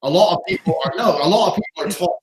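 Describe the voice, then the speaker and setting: A man's voice: high voice, very fast. Blunt, swearing male interview guest. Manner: blunt, profane, emphatic. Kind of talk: casual interview talk. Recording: roomy echoey sound.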